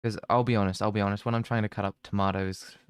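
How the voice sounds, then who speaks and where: A man's voice: lowish voice, little pitch movement, fast, clear, resonant tone, no room sound, studio quality. A young man chatting casually on a stream, rambling and self-mocking, with plenty of swearing. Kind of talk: casual chat.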